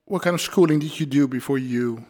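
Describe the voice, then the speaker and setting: A man's voice: medium pitch, a little fast, darkish tone. A man hosting a podcast, introducing his guests and asking them questions in an informal, slightly hesitant way. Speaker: podcast host.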